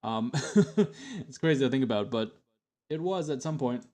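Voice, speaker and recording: Streaming while he revisits his old videos, a young adult man rambles casually, full of fillers and restarts. He talks at a moderate pace in a medium-pitched voice.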